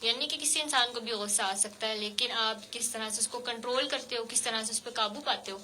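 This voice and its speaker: A woman hosting a radio show, interviewing a child guest with gentle, coaxing questions full of fillers. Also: on the high side, a little hiss or hum. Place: radio studio.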